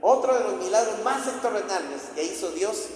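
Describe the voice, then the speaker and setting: A man's voice: high-pitched, expressive, normal speed. A man preaching a sermon, telling the story with repetition and acting out the voices. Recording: echoey hall with faint ambience.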